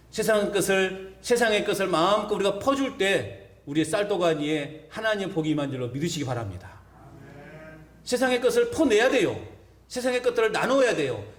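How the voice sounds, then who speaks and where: A male pastor preaching a sermon to his congregation, putting rhetorical questions to the listeners. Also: high-pitched. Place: church sanctuary. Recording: echoey church hall.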